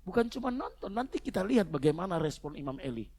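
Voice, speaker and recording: A man preaching a sermon to his congregation, moving between quiet, low asides and loud, fervent shouting. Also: very animated, quick pace. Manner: addresses the congregation as "saudara". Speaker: pastor. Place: church service.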